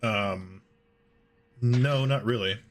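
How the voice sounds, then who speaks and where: Low-voiced man running a tabletop game. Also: extremely slow, soft background music. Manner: explains rules step by step. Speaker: game master.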